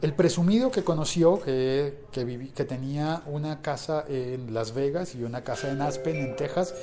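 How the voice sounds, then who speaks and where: Brief: male podcast host, slightly raised pitch, loose rambling delivery, faint music underneath. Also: moderate pace, dark tone. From not from Mexico. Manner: rambling, frequent restarts and hesitations, playful storytelling. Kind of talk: casual podcast chat.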